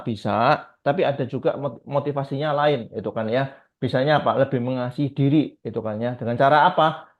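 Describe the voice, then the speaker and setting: A man preaching a conversational sermon, asking his listeners rhetorical questions and often tagging his sentences with short fillers. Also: mid-range voice. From Indonesia. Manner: asks rhetorical questions, frequent filler tags. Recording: tinny phone-like audio.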